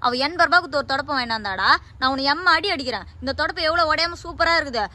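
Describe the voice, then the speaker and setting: A woman acting as a scolding mother in a comedy sketch, exclamatory and quick to chide. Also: high-pitched, lively intonation, bright, forceful tone.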